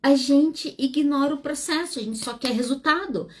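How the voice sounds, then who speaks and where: A woman, hosting a solo podcast as a psychologist, speaking frankly and animatedly with wide swings in pitch. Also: moderate pace. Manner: frank and self-deprecating.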